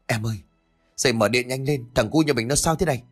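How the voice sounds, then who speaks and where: A man voicing a young father stunned with grief, speaking in halting, broken-off phrases. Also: medium pitch, animated, husky, no room sound, studio quality, faint music behind, pitched above the performer's own voice. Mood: alarmed.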